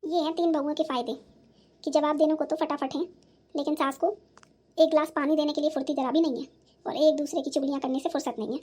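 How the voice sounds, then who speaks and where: A woman's voice: sits high, steady tone, fast talker, darkish tone, natural voice. A woman voicing a nagging, self-pitying old mother-in-law in a cartoon, scolding sarcastically. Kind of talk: cartoon voice acting.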